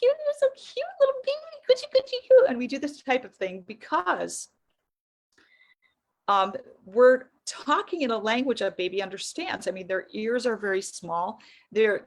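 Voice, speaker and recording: Earnest middle-aged woman teaching. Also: mid-range voice. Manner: earnest, explanatory, rhetorical questions. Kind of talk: faith-based teaching talk.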